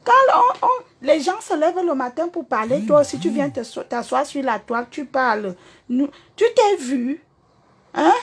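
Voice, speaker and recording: A woman's voice: high-pitched, lively intonation, normal speed. A woman singer with a Cameroonian French accent, talking bluntly and confrontationally to viewers in a livestream rant. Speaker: singer and performer.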